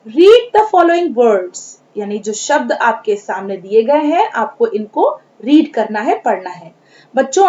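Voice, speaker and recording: Woman teacher, high voice, very unhurried phonics drills, muffled lo-fi recording. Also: a little mellow. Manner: slow, deliberate teaching, models sounds, repeats words. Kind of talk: English phonics lesson for school students. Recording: dull lo-fi recording.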